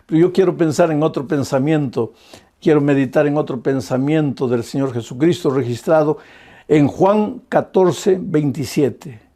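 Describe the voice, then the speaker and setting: A man's voice: on the high side, moderate pace, mellow. A man preaching an evening prayer sermon as pastor, speaking earnestly and directly to the listener with repeated emphatic phrases and a shifting pace.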